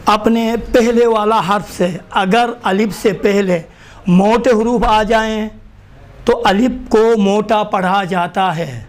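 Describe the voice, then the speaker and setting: A man teaching Quran reading in a live class, slowly repeating letters for students to write down. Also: high voice, fairly even intonation.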